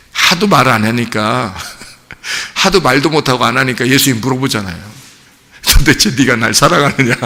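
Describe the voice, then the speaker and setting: A male pastor preaching a sermon in a lively, animated way, acting out the voices of the people he quotes and laughing often. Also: medium pitch, vocal fry, long reverb tail.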